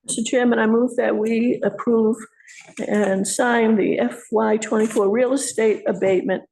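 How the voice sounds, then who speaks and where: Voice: medium pitch, steady tone, normal speed, vocal fry, darkish tone, low-quality recording. A board member formally making motions at a town board meeting.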